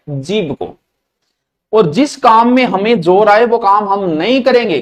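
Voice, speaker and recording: A man with a Marwari accent teaching a grammar class, mixing in local words and asking questions that he then answers himself. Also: sits high. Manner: mixes Marwari words into Hindi, asks questions and answers them.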